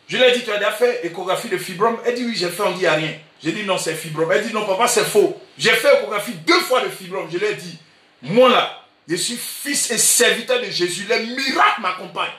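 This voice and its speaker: A male pastor with an Ivorian French accent, preaching emphatically and repeating himself, sometimes breaking into shouts. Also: high-pitched, far from the mic. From Côte d'Ivoire. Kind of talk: sermon. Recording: echoey room, voice from afar.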